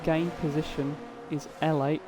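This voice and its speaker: A tired man giving relaxed live commentary on an online sim race, chatting casually with viewers and drivers. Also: a little high, a little slow, noisy background. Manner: laid-back, chatty, addresses viewers and drivers directly.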